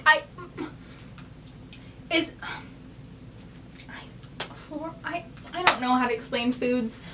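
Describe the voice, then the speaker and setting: A woman's voice: high-pitched, fairly bright tone, distant mic, a little hiss or hum. A young American woman vlogging casually from her bed, rambling chattily with lots of fillers. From United States. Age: young adult. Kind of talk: casual chat. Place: in bed, bedroom.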